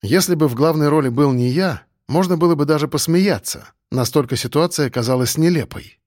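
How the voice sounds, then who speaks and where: A man's voice: a little high, brisk, a little mellow, no room sound, studio quality. A man narrating a crime novel in the first person, wry and slangy. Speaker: audiobook narrator.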